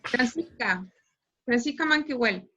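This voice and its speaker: A woman's voice: a little high, lively intonation, slow pace, bright, forceful tone, slightly rough, dull audio. A woman with a Chilean accent teaching a physics class online, explaining patiently and checking in with "right?" after nearly every phrase. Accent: Chilean Spanish. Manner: explains patiently, constantly tags phrases with "¿cierto?". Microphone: computer mic on a video call.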